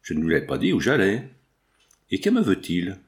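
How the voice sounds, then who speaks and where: A man's voice: low voice, huge pitch swings, moderate pace, pitched below the performer's own voice, heavily acted. A man reading the part of an earnest young male baron and fiancé in an audiobook, protesting his innocence.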